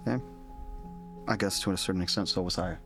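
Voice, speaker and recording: This player's voice sits low with fairly even intonation, and he speaks briskly in character during a tabletop role-play. Defiant and sarcastic, he laughs often over background music.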